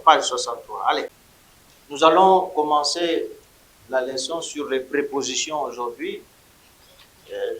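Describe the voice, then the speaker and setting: A male teacher leads a classroom lesson, calling out words for his students to repeat. He speaks slowly in a fairly high voice. The room is echoey and boomy around him. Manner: drills vocabulary in loud call-and-response. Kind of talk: classroom lecture.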